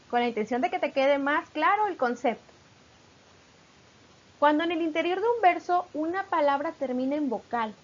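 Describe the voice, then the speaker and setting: A Mexican woman narrates a recorded lesson as a teacher, explaining things patiently and reading examples at a slow pace. Her voice is high-pitched and the sound is lo-fi.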